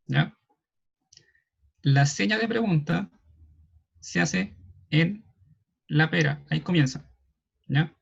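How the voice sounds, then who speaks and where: A man with a Chilean Spanish accent explaining signs in an online class, checking in often with a quick questioning "ya". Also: high-pitched, creaky, fairly bright tone, husky. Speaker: sign language class moderator. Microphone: video call. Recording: dull lo-fi video call audio.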